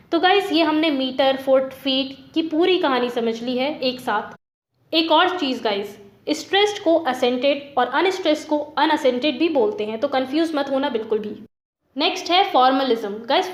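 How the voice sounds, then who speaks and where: A woman's voice: high voice, roomy sound. A woman teacher explaining literary terms step by step, repeating points and giving examples.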